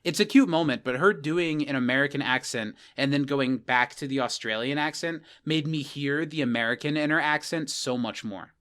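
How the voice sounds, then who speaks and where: A man's voice: a little high, normal speed, hardly any pauses, fairly bright tone, clear, resonant tone. A man co-hosting a casual podcast, recapping a TV episode and acting out the characters' lines as he goes. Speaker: podcast co-host. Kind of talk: casual rewatch podcast chat.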